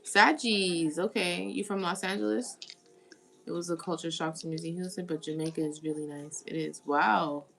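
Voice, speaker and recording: Woman, lower voice with a gravelly edge, casual live-stream tarot host who chats with viewers. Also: fairly even intonation, normal speed, fairly bright tone, faint music behind. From United States. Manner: chatty, greets viewers and reads comments aloud. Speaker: tarot reader.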